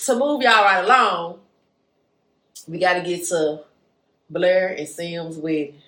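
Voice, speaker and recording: Low-voiced woman podcast co-host. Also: slow pace, pushed and bright. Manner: chatty, emphatic, slangy. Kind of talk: casual book review chat. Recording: echoey room.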